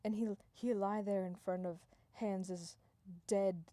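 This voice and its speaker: Deadpan woman rambling through a story. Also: medium pitch, slow, dry recording. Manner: deadpan, run-on "and then" narration, dropping to hushed tones. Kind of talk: rambling improvised comic storytelling.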